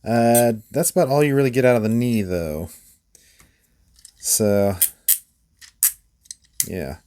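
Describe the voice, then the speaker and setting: A man reviewing toy figures in a relaxed, rambling way, with many fillers and small laughs. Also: medium pitch, slow, smooth. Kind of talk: casual hands-on toy review.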